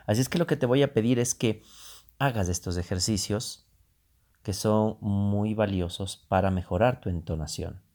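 A man giving a public speaking lesson, unhurried, repeating phrases and pausing with fillers. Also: lowish voice, darkish tone. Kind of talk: instructional talk.

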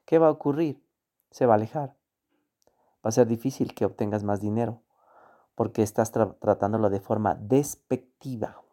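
A man teaching a course, with a low, mellow voice. He talks emphatically and repeats key words for effect. Now and then he acts out the voices of the people he quotes. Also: moderate pace, pauses often. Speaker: course instructor. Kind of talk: motivational teaching on money beliefs.

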